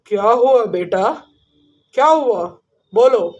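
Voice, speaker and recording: A woman's voice: a little high, animated, slow, a little mellow, dull audio. Woman doing a stern male tantric. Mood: commanding. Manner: commanding, gruff.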